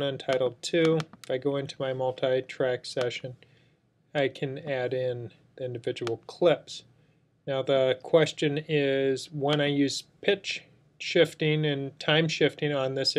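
An unhurried man of medium pitch and flat delivery explains things step by step as a software instructor. It's an indoor voice-over for a screen recording, and the tutorial isn't scripted.

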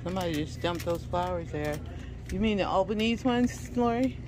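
A woman's voice: fairly low pitch, expressive, normal speed. A woman hosting a casual shopping vlog, chatting to viewers on a handheld camera. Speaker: vlog host. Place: shop aisles and parking lot outside. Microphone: handheld camera or phone. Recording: noisy on-the-go store recording. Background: clear store and street noise.

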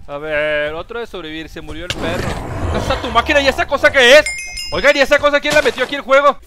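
A young Mexican man streaming a game live, excitable, with loud outbursts and frequent laughs. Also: extremely high pitch, quick pace. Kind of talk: live gaming stream commentary. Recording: music playing behind the voice. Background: game music.

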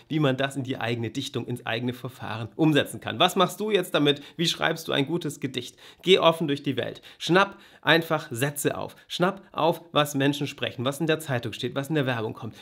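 A gravelly-voiced man with a slightly high pitch talks a viewer through writing a poem. He recites the verses slowly and rhythmically, tapping out the stresses, then speaks directly and warmly to the listener. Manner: addresses viewer directly, friendly. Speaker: writing coach. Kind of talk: casual video lesson on poetry writing. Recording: sound quality gets worse.

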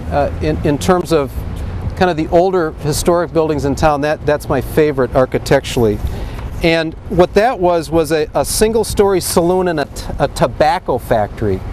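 Middle-aged male tour guide, slightly high voice, chatty and enthusiastic, outdoors with faint traffic noise. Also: a little mellow. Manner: chatty, enthusiastic, with frequent uh fillers. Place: busy downtown street outdoors with a crowd. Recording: street noise behind.

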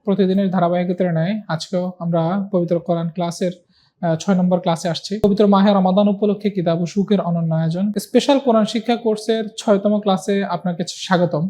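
A man's voice: sits high, fairly even intonation, mellow. Man teaching Quran recitation. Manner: asks and answers his own questions, drills sounds slowly and repeatedly. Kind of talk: recitation lesson.

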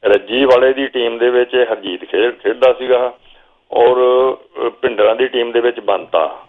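An older Punjabi man, a guest telling a long story from memory at an unhurried pace, now and then quoting what he told the players. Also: mid-range voice. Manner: slow reminiscing storyteller, quotes himself calling instructions. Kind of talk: storytelling interview. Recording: phone-like narrow sound.

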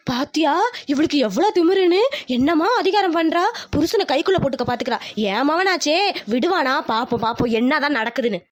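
A scheming village mother-in-law from a cartoon, voiced by a woman. She mutters sly, mocking asides in a high, fast voice. The sound is dry and close. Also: dry recording, lightly acted. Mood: scornful. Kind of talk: cartoon voice acting.

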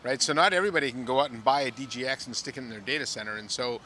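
A middle-aged man, an industry analyst, explaining in a measured way with occasional "uh"s, interviewed outdoors on a handheld mic. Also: medium pitch, bright, forceful tone, a little hiss or hum. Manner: measured, explanatory, some filler "uh"s. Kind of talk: on-site analysis chat. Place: outdoor plaza at a conference.

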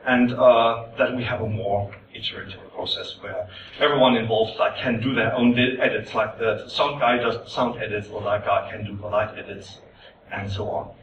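Man, panel speaker, halting, roomy hall sound, distant mic. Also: lowish voice, fairly even intonation, background noise. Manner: hesitant, many fillers and restarts. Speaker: panelist presenting the show's process. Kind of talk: conference panel talk. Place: convention panel room. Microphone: recorded from far off. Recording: echoey dull room audio from afar.

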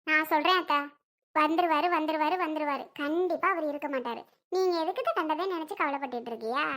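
A woman's voice: high voice, fast talker, a bit bright. A woman playing an earnest young daughter-in-law. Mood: consoling. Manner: earnest, pleading, comforting. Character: kind young daughter-in-law consoling her mother-in-law. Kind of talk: family skit acting.

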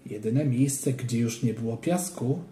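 A man reading a children's story aloud in an expressive narrating style. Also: mid-range voice, measured pace. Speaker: audiobook reader. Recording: roomy echo.

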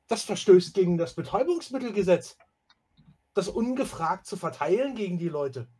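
Man playing a preachy vegan official, raised huffy pitch, husky edge. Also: a little slow. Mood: indignant. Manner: stiff, lecturing, outraged. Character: pompous indignant vegan male official.

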